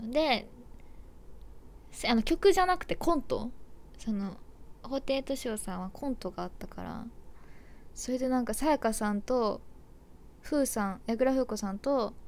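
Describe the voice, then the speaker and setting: A woman's voice: a little high, expressive, a little fast, pauses often, darkish tone. A young woman idol chatting casually on a livestream, rambling and giggly and correcting herself as she goes.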